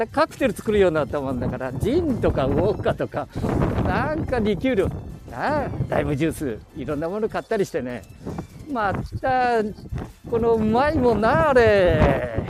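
A man's voice: fairly high pitch, a little mellow. A man in his seventies with a Nagoya dialect, chatting to himself in a rambling monologue while walking outdoors, full of chuckles and asides. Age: 70s. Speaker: podcast host. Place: walking outdoors and inside a bank ATM booth.

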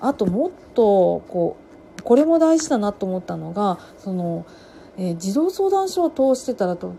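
Chatty woman with a mellow voice. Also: medium pitch, a little hiss or hum. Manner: chatty, many fillers, lively swings in loudness. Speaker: podcast host reviewing books. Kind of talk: casual solo talk.

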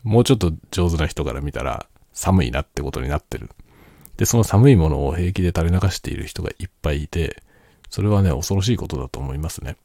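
A man talking quietly in a casual late-night solo chat, reflective and explanatory, often repeating his key phrases. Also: a bass voice, lively intonation, fast talker, gravelly, no echo, clean studio sound. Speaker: solo host of a spoken chat.

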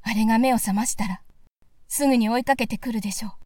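A woman's voice: fairly high pitch, steady tone, fast, warm tone, dry recording, close to an everyday voice. A woman voicing a frightened young princess who speaks politely and anxiously. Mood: fearful.

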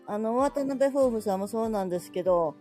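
A woman's voice: on the high side, animated, fairly quick, dark tone, soft background music. Polite Kansai woman guest. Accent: Kansai Japanese. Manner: polite, admiring, laughing. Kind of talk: casual live-stream chat.

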